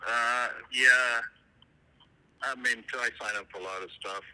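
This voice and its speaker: A man's voice: medium pitch, steady tone, unhurried, pushed and bright, clear, resonant tone. Laid-back man talking over a phone line. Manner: laid-back, guarded, jokey. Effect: heard over a phone line. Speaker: sweepstakes winner on a phone call. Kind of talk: casual phone conversation.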